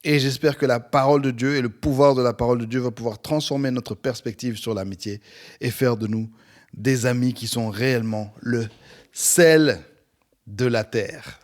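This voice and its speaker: A pastor in his forties hosting a podcast from home, talking with energy and warmth about friendship. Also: medium pitch. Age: 40s. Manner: energetic, upbeat, animated. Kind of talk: podcast sermon. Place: at home near an airport, planes passing.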